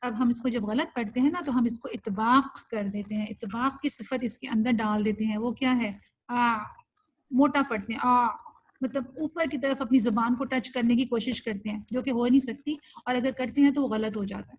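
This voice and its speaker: A woman's voice: fairly high pitch, poor audio. A woman teaching an online recitation class, explaining things patiently and mixing English terms into her speech.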